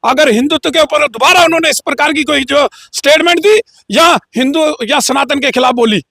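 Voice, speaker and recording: A man's voice: extremely high pitch, a little fast, creaky, bright, forceful tone, dry recording, studio quality. A man as an interview guest giving a heated, combative political statement with frequent filler phrases. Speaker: interview guest, local group leader.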